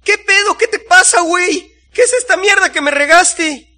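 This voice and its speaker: A man voicing a short, angry male juice stand owner who shouts crude, indignant complaints in a Mexican accent. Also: extremely high pitch, moderate pace, voice pushed up, full character voice. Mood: outraged. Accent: Mexican Spanish.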